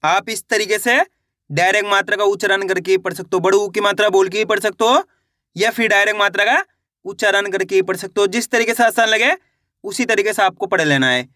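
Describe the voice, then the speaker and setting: A man teaching beginners to read, sounding out each letter slowly and encouraging his viewers, checking often whether they follow. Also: high voice, bright, forceful tone, dry recording, studio quality. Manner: encouraging, addresses viewers as friends. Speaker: reading teacher. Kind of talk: beginner reading lesson.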